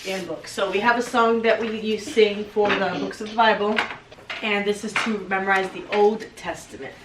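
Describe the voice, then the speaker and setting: This is a woman running a homeschool vlog, chatting casually about the day's schedule from her home. Her voice sits at an everyday middle pitch, and she talks in a conversational, explanatory way. Clear clicking sounds run behind her. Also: fairly even intonation, moderate pace, background noise. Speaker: homeschooling mother and channel host. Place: family home.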